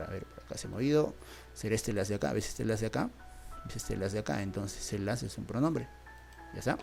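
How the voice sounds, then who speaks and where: A man's voice: on the low side, gravelly, a little mellow. A male teacher from Peru with a Peruvian Spanish accent, patiently explaining grammar and repeating each point. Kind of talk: grammar lesson.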